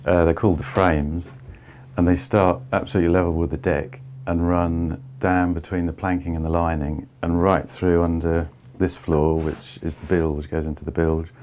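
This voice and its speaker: A man in his fifties giving a measured, step-by-step tour of an old barge's wooden hold. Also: deep voice, little pitch movement, darkish tone, slight background noise. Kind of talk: explanatory walking tour.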